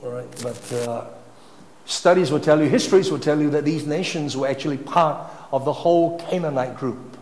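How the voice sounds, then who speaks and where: A man preaching a sermon, emphatic, swinging between loud and soft phrases. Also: fairly high pitch, normal speed, slight background noise. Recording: echoey hall, faint ambience.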